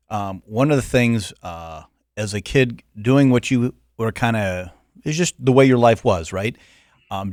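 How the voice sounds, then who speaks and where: A man's voice: on the low side, dry recording, clean studio sound. A man hosting a podcast interview, chatty and joking, asking long rambling questions. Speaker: podcast host. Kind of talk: casual interview chat.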